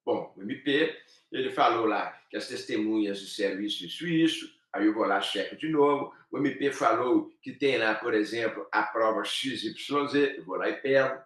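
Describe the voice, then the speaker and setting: A middle-aged Brazilian man teaching a live online law class, lively and addressing his students directly. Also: fairly low pitch, normal speed. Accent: Brazilian Portuguese. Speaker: law professor. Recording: echoey room.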